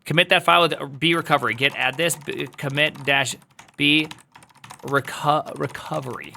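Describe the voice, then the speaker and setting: A man with a bright, forceful voice pitched a little high leads a live coding walkthrough. He talks through each command as he types, tossing playful asides to his viewers and jumping even higher when he teases. Keyboard clatter sits behind him. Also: normal speed, vocal fry, slight background noise. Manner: playful, joking asides to chat, jumps high when teasing. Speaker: coding instructor.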